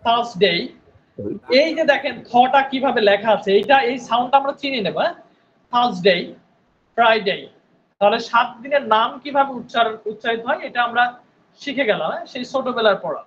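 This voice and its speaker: A man's voice: very high voice, quick pace, fairly bright tone, dull audio, slight background noise. A male English teacher giving an online spoken English class, patiently repeating words and often checking in with his students.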